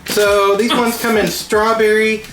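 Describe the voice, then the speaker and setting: A woman's voice: mid-range voice, little pitch movement, measured pace, noisy background. A woman hosting a casual group candy tasting, chatting while she eats sour candy. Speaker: host of a candy taste test. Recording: roomy echo, music behind.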